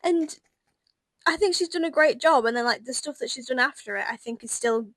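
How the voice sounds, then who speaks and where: Bright-voiced young woman. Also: high voice, fairly quick, dry recording. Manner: chatty, opinionated, many "like" fillers. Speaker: podcast co-host. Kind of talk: casual chat.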